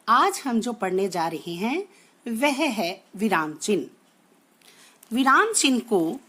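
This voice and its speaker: This is a woman teaching a class, speaking in an unhurried, measured way. Her voice moves widely up and down as she explains. She pauses over each example sentence so students can follow. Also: medium pitch, fairly bright tone. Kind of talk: classroom lesson.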